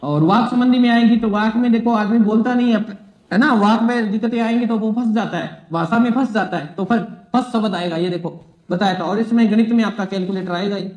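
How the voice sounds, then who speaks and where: A man lectures like a coaching teacher and drills students by repeating each phrase several times. His voice sits very high for a man. The room around him is echoey. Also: a little fast, a little mellow. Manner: repetitive, drills phrases, asks and answers own questions. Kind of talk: exam-prep classroom lecture.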